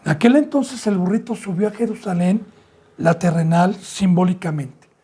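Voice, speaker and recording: Husky pastor preaching emphatically. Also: male voice, normal speed, mellow. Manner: preaches with rhetorical questions, addresses listeners as brothers and sisters; emphatic jumps in pitch and volume. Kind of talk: sermon.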